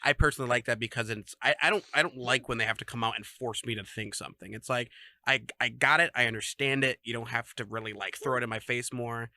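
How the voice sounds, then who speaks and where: A man's voice: mid-range voice, fairly even intonation, fast talker, bright, forceful tone, no room sound. A man co-hosting a casual podcast, rambling with lots of fillers and laughing often. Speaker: podcast co-host. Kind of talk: casual chat.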